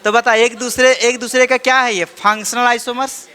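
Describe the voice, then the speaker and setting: A man's voice: very high-pitched, flat delivery, moderate pace, bright, forceful tone, clear, resonant tone. A man teaching organic chemistry to a class, drilling students with repeated check-in questions and teasing them playfully. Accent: Indian. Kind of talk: classroom lecture.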